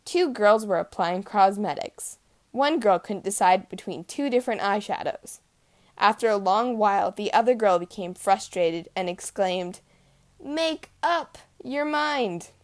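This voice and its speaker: Woman, podcast host, playful, punchy joke delivery, mid-pitched voice. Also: moderate pace. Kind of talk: reading puns on a podcast.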